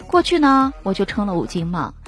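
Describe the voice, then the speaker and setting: A woman's voice: mid-range voice, wildly swooping pitch, fairly quick, faint music behind. A woman playfully narrating a string of short jokes. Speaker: joke teller. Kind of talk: storytelling jokes.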